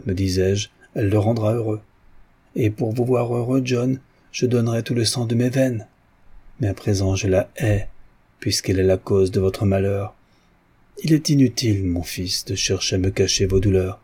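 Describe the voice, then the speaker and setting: A man voicing a proud, cold older mother who speaks low and bitter in an audiobook. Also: normal speed, mellow, slightly rough. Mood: hard, bitter.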